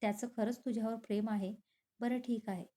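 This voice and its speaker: A woman's voice: on the high side, fairly even intonation, brisk, dark tone, lightly acted. A woman voicing a caring young woman friend who teases and soothes, in a storybook romance. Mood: soothing. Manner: soothing and teasing.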